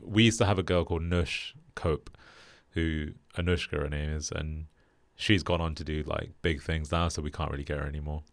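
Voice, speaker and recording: A young British man hosting a casual podcast chat, relaxed and flat in delivery with lots of fillers. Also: extremely low pitch, normal speed, hardly any pauses, dry recording. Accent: British English. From Britain. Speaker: podcast host.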